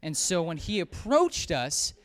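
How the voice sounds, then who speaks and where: A male preacher tells a story in his sermon, animated and acting out the voices. His voice sits fairly high. It rises and falls with expressive swings. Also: measured pace.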